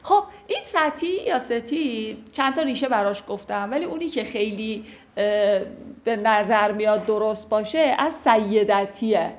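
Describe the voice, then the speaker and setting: Woman reciting verse and explaining it. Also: fairly high pitch. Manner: lively, explanatory, glosses old words in everyday speech. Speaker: teacher explaining classical poetry.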